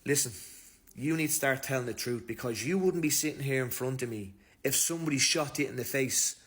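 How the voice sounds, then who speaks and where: A man voicing an impatient male police interrogator who accuses and shouts. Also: fairly quick, close to an everyday voice. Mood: accusing. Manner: shouting, accusing, raised pitch.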